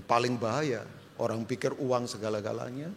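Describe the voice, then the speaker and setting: A middle-aged man preaching a sermon as pastor, joking and swinging from loud shouts to quiet asides. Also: medium pitch, steady tone, normal speed, vocal fry, slight background noise. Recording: reverberant church hall.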